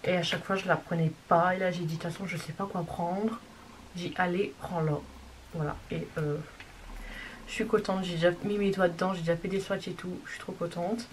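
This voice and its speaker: A woman's voice: fairly low pitch, fairly even intonation, brisk. Woman rambling happily about her makeup buys, whispers sometimes, noisy room. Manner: chatty and gushing, drops into soft whispers. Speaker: beauty vlogger. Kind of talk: casual makeup haul chat. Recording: distant mic with clear background noise.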